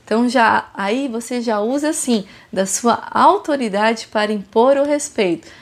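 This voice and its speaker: Woman, kinda high voice, earnest parenting tips straight to camera, casual vlog. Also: unhurried. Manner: earnest, instructive, addresses viewers directly. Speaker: parenting advice host.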